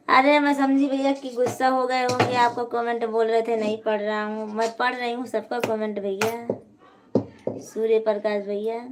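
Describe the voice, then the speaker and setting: A woman's voice: a little high, noisy background. A woman hosting a casual live stream from home, chatting and answering viewers' comments one by one.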